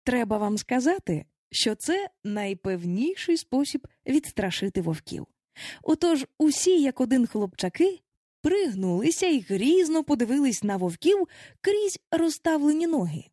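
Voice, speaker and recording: Expressive woman reading a fairy tale. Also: high-pitched, measured pace, no echo, clean studio sound. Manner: expressive, acting out characters. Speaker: audiobook narrator. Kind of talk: storybook narration.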